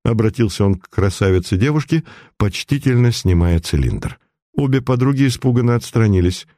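A man's voice: lowish voice, expressive, brisk, dark tone, dry recording, studio quality. A man reading a story aloud as scripted narration, telling it expressively. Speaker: audiobook reader.

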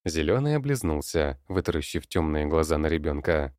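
Deep-voiced male storyteller. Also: very animated, normal speed, darkish tone, no room sound, studio quality. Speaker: narrator. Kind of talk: audiobook narration.

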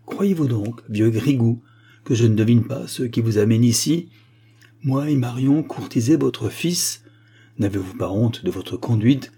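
A man voicing an angry, sharp-tongued spinster who scolds with indignation. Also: medium pitch, unhurried, husky. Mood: indignant.

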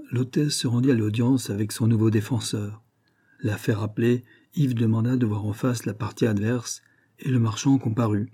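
A man reading a saint's legend aloud as an audiobook, in a measured, deliberate way. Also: mid-range voice, dark tone, breathy edge. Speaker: audiobook reader. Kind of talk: storybook narration of a saint's legend.

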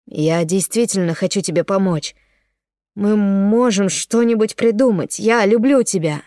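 A woman's voice: mid-range voice, measured pace, no echo, lightly acted. A woman voicing a distraught young man who pleads and sobs, in a dry close recording. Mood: pleading. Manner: pleading, tearful, insistent.

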